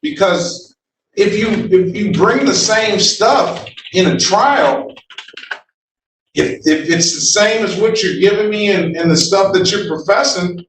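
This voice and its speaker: A woman's voice: medium pitch, slow, recorded from a distance. A woman presiding as a judge in an informal courtroom exchange, speaking bluntly and repeating phrases for emphasis. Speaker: judge presiding over a hearing. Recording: echoey, noisy courtroom audio from afar.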